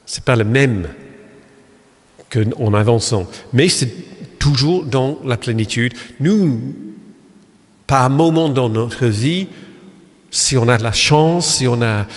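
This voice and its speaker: A man with an English accent, a pastor giving a lecture-style church talk in French, hesitant with many fillers and restarts. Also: medium pitch. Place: Protestant church hall. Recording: long reverb of a church hall.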